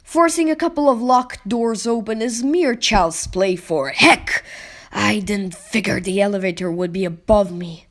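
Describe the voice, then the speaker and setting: A woman's voice: mid-range voice, unhurried, close to an everyday voice. A woman voicing a brash, wisecracking teenage boy superhero who thinks aloud dramatically in an amateur comic-book dub. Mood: cocky. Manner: brash, talks to himself dramatically.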